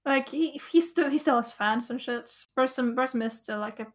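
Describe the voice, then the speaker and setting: A woman's voice: sits high, moderate pace. A woman co-hosting a casual comedic podcast chat, rambling and swearing freely. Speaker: podcast co-host.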